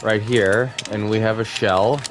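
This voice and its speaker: Rambling low-voiced gaming man. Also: steady tone, a little slow, noisy background. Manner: rambling, many fillers, laughs easily. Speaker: let's play host. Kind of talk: casual gameplay commentary.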